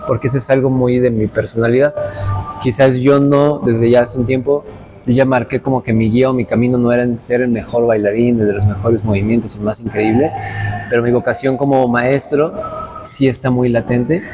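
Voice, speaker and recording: Music plays under this level, mid-range voice, which runs a little fast. The speaker is a dance teacher in his late twenties from Veracruz, Mexico, who answers a casual interview in an earnest, reflective way with frequent restarts.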